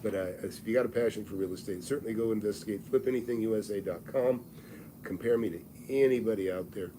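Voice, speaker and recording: Live-streaming advice, a low-pitched, plainspoken real estate mentor in his sixties talks fast as he pitches his mentorship on his channel. He's blunt and folksy with a salesy edge, frequently restarting, and background noise is audible.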